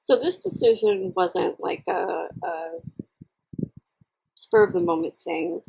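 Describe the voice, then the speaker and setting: Casual mukbang-style vlogger, female: reflective and candid, expressive intonation, gravelly fry, talks while chewing. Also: medium pitch, slow pace, poor audio. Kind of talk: casual personal chat to camera while eating.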